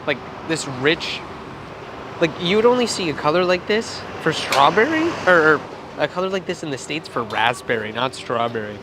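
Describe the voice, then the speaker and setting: A man's voice: fairly high pitch, animated, normal speed, noisy background. Chatty young man vlogging, rambling asides. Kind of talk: casual vlog talk to camera. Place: outdoors in summer heat, then indoors.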